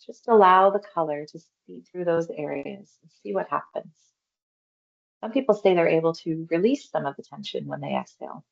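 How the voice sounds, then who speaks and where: This is a guided meditation body scan led by a female mindfulness guide. Her voice is low and creaky, her phrasing unhurried, her manner gentle and reassuring, though the recording comes through a little muffled.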